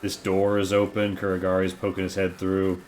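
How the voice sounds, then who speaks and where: A man with a fairly low voice runs a tabletop game. He narrates casually and informally as game master, with music clearly behind him. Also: monotone, normal speed, a little mellow, slight background noise. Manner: profane, informal.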